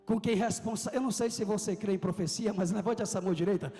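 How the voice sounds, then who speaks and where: High-voiced man preaching a fiery sermon. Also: fast talker, long reverb tail, over music. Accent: Brazilian Portuguese. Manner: impassioned preaching, shouting at climaxes and dropping low. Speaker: pastor.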